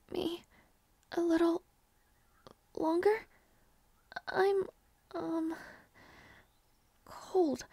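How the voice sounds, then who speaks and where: An audio roleplay performer voices a shy, flustered young princess waking beside her knight in an intimate scene. She speaks softly and hesitantly in an extremely high pitch, often whispering and stammering, in a heavily acted performance on a dry recording.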